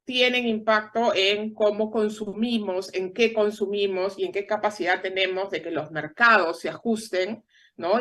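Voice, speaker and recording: A woman from Peru with a Peruvian Spanish accent, a guest explaining things in measured interview answers with frequent tag questions. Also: lowish voice, a bit bright. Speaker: guest analyst.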